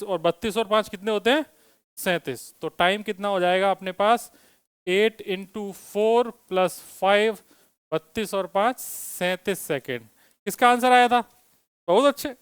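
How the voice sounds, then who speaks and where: High-voiced man teaching physics. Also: a bit bright, smooth, no echo, clean studio sound. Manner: asks students questions, teasing and joking. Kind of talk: classroom lecture with students. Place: classroom.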